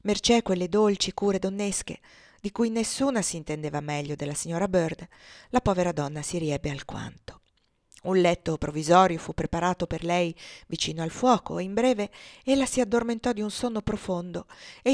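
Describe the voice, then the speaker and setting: A woman's voice: on the low side, no echo, studio quality. Woman reading a classic novel aloud. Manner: measured, expressive reading. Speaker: audiobook reader. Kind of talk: literary audiobook narration.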